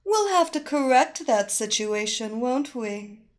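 A woman voicing a seductive, domineering female hypnotist who gives slow, soothing commands. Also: sits high, animated. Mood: teasing. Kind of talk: erotic audio story acting.

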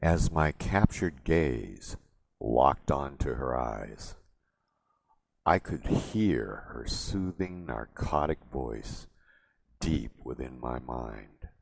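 A man narrating a story in the first person in a slow, steady reading. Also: rumbling low, creaky, dry recording.

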